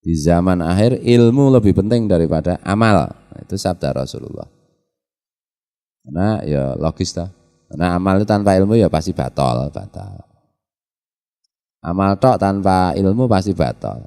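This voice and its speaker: A man's voice: low-pitched, animated, normal speed, long pauses, warm tone. A middle-aged man with a Javanese accent, a kyai giving a folksy religious lecture in a pesantren, mixing in Javanese and asking the audience questions. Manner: folksy, mixes Javanese into Indonesian, asks the audience rhetorical questions. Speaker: kyai teaching a pesantren study circle. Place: prayer hall of a traditional boarding school. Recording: reverberant hall.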